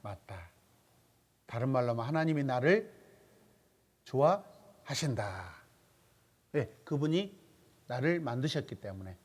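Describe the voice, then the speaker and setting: A man's voice: medium pitch, sing-song, unhurried, long pauses, husky. A man leading a church Bible study seminar as pastor. He asks his listeners questions and repeats their answers back to them. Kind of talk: interactive Bible study teaching.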